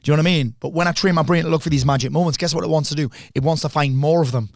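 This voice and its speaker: An animated middle-aged man telling stories in a relaxed podcast conversation, swearing freely. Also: on the high side, very fast, creaky, dry recording, studio quality. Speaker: podcast guest. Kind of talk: casual conversation.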